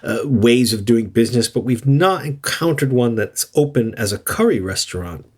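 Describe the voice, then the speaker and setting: A man's voice: mid-range voice, expressive, moderate pace, darkish tone, slightly rough. A man co-hosting a casual podcast, telling a travel story in a rambling way with frequent "um" and "you know". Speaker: podcast co-host.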